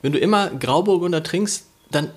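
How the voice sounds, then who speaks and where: A man's voice: sits high, normal speed. A man from the Hamburg area, co-hosting a podcast in casual chat, telling stories and acting out what others said. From Hamburg area, Germany. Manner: animated storyteller acting out quoted voices. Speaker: podcast co-host.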